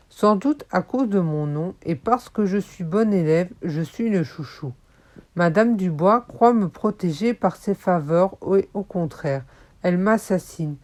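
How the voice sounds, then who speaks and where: A woman narrating a children's audiobook in a calm, measured storytelling voice. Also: on the low side. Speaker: audiobook reader.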